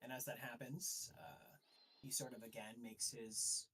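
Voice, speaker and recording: Man as game master, hesitant unhurried narration, distant mic. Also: medium pitch, lively intonation, gravelly, bright, forceful tone, a little hiss or hum. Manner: hesitant, full of um and sort of. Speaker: dungeon master. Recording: voice a bit far from the mic.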